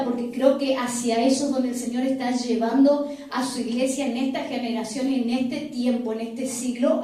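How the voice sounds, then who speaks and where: A woman's voice: high voice, warm tone. A woman pastor with an Argentine accent preaches earnestly, repeating phrases and asking rhetorical questions. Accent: Argentine Spanish. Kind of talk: sermon. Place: church hall. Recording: very echoey hall, mic far off.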